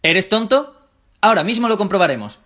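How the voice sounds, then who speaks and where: A man with a bright, sharp voice reads out a viral quiz trend. He uses the declamatory delivery of an announcer, with pitch that rises and falls widely. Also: very animated, fairly quick.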